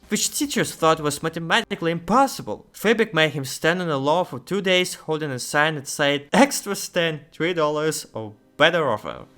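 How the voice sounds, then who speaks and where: A YouTuber reading out text and reacting in casual, excitable, nervous asides. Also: male voice, a little high.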